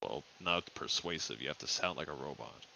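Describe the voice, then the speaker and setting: A man's voice: extremely low pitch, expressive, fairly quick, creaky, pushed and bright, poor audio. A man playing in a tabletop game, crude and full of scheming ideas. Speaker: player. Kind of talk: tabletop role-play chat.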